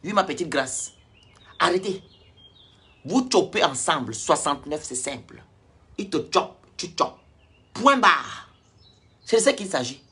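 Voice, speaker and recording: Husky raspy guy ranting on his vlog, preachy and blunt, talking straight at the viewers. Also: on the high side, big pitch swings, measured pace, pauses often, pushed and bright. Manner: blunt, preachy, lecturing the audience directly. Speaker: online commentator. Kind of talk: ranting social-media vlog.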